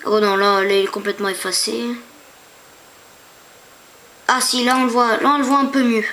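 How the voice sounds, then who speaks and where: Woman, high voice, casual screen-tour narrator, hesitant and chatty, talks straight to viewers, home computer mic. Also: moderate pace, a bit bright, slight background noise. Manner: chatty, hesitant, stumbles over foreign names; talks to viewers with rhetorical questions. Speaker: YouTuber.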